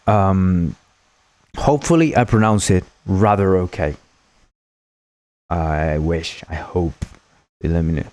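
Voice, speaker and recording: Deep and a little mellow, his voice comes slowly with long pauses and no echo. He's a man whose first language is Spanish, hosting a rambling, joking game development stream and thanking viewers again and again.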